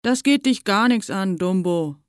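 A woman's voice: medium pitch, lively intonation, unhurried, no room sound, studio quality, natural voice. A woman voicing a mean, mocking schoolboy bully in a storybook. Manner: taunting, scheming.

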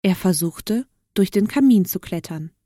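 Woman narrator for a children's story, slow and gentle, dry close recording. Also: mid-range voice, expressive, no echo.

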